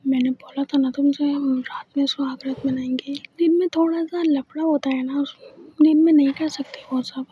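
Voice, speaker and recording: A woman's voice: high voice, little pitch movement, normal speed, muffled recording, a little hiss or hum, close to an everyday voice. A woman doing a teasing young singer wife. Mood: soft teasing.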